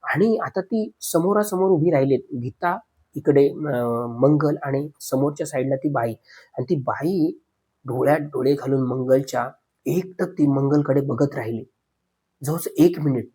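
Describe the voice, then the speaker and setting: A man narrating a spoken horror story, addressing listeners as friends, with dramatic pauses. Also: medium pitch, dark tone, slightly rough.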